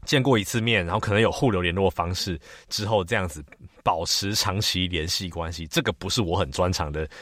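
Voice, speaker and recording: A man with a Taiwanese accent, a podcast guest speaking in a thoughtful, measured way with some hesitation. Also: low-pitched, a bit bright, dry recording, studio quality. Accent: Taiwanese Mandarin. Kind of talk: casual chat.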